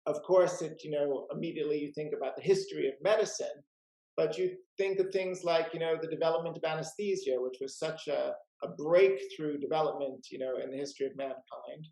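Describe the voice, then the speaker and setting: A man with a gravelly, slightly high voice hosts a casual chat over a video call. He rambles in a friendly way, with plenty of "uh" and "you know". The sound carries an echoey room. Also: fairly quick, warm tone. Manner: chatty, many "uh" and "you know" fillers. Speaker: rare book dealer and host.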